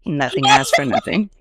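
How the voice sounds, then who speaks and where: A woman's voice: low-pitched, no room sound. A woman in her twenties co-hosting a casual podcast, laid-back and reflective. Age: 20s. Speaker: podcast co-host. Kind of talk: casual chat.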